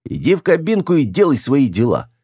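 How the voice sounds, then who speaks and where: A man's voice: medium pitch, wildly swooping pitch, a little fast, mellow, husky, no echo, studio quality, voice pushed up. A man reading an audiobook, voicing a curt, mocking male starship captain. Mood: wry exasperated.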